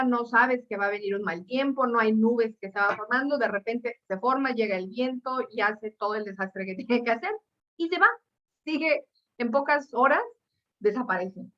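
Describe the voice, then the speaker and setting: Lively, laughing woman storyteller. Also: fairly high pitch, normal speed, muffled recording. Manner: lively, laughing, many fillers. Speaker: speaker. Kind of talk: storytelling talk.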